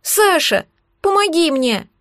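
A woman's voice: extremely high pitch, very animated, slow, fairly bright tone, no room sound, studio quality, voice pushed up, exaggerated voice. A woman voicing a small frightened girl who cries out in a thin, pleading voice.

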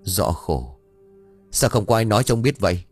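A man voicing a stern, gruff male household master in a spoken story. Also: on the low side, sing-song, normal speed, a little mellow, soft background music. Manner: gruff and scolding.

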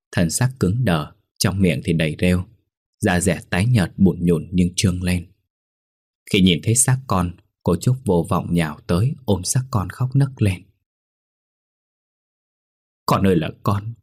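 A man narrating a ghost story in a somber, steady manner. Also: deep voice, husky.

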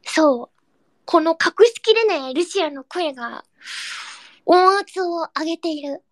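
Super high-pitched young woman chatting live w/ listeners, cutesy and bubbly, dry close sound. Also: unhurried, no room sound. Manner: excitable, bursts into high squeals and giggles; cutesy, baby-talk endings. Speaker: streamer hosting a live audio chat. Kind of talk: casual chat reading listener comments.

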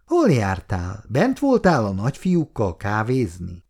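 A man's voice: fairly low pitch, huge pitch swings, darkish tone, exaggerated voice. Man putting on a cooing, flirty office woman. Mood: flirting. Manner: cooing, coquettish.

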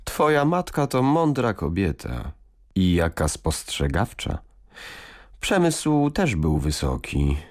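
A man voicing a gentle, cheerful medieval queen, fond and chatty with a gentle teasing edge. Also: deep voice, big pitch swings, slow pace, pitched above the performer's own voice, heavily acted.

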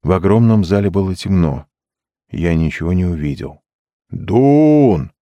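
A man reading an audiobook in steady, measured storytelling narration. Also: sits low, no room sound. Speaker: audiobook reader. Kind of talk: scripted narration.

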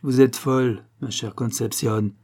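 A man's voice: mid-range voice, steady tone, a little slow, darkish tone, close to an everyday voice. A man voicing a jealous, mocking young Spanish nobleman in a cold, sneering manner.

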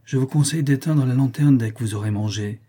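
Furtive guide in a storybook, brisk and hushed, read by a man. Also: medium pitch, breathy edge, natural voice. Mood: reassuring. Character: secretive man guiding a hiding family.

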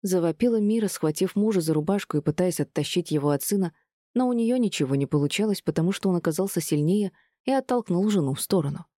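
A woman reading a novel aloud in an expressive audiobook narration. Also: fairly low pitch, fast, dry recording, studio quality. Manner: expressive, even storytelling.

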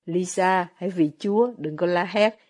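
A woman's voice: fairly low pitch, normal speed, voice pushed down, lightly acted. A woman voicing an effusive, fussy middle-aged mother in a storybook reading. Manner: gushing, excitable.

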